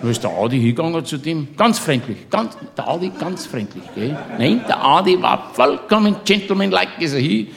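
Bavarian male comic storyteller, slightly high voice, boisterous, laughs through his own yarn, chummy asides. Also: big pitch swings, normal speed, gravelly, hardly any pauses. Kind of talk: comic monologue in dialect.

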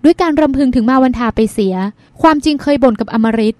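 A woman narrating a novel, reading in a steady, expressive way. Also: high-pitched, quick pace, no room sound. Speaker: audiobook narrator. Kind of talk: scripted narration.

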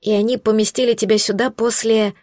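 A woman's voice: fairly high pitch, level tone, brisk, darkish tone, no echo, close to an everyday voice. Woman reading as a young heroine, pleading and emotional, dry close voice. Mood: hesitant.

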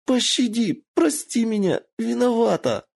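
A man's voice: mid-range voice, animated, measured pace, a little mellow, husky, voice pushed up. A man voicing a naive, playful young female fox spirit in a squealing, childlike voice in an audiobook. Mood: pained pleading. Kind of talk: audiobook character voice.

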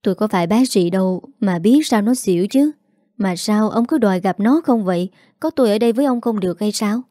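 A woman voicing a quarrelsome, greedy middle-aged mother who scolds fast and sharply. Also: medium pitch, warm tone, no echo, studio quality, natural voice. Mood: angry scolding.

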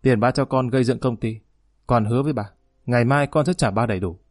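A man's voice: mid-range voice, darkish tone, no echo, studio quality, close to an everyday voice. A man voicing a defiant, sulky grown son arguing back at his father in an audiobook reading. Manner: defiant, rapid, whining. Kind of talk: audiobook narration.

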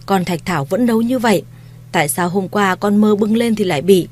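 A woman's voice: medium pitch, brisk, a little mellow, close to an everyday voice. A woman reading a story, voicing a stern elderly matriarch who harshly commands her family. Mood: angry.

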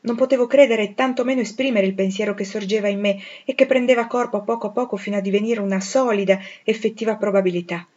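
A woman reading a classic novel aloud in a measured, expressive way that grows dramatic on emotional passages. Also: medium pitch. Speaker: audiobook reader. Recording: dull lo-fi recording.

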